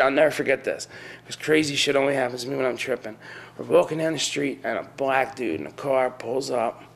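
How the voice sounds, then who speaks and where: A man's voice: medium pitch, creaky. A young man rambling through a casual rant, repeating himself and tossing in "you know what I mean.". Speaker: storyteller.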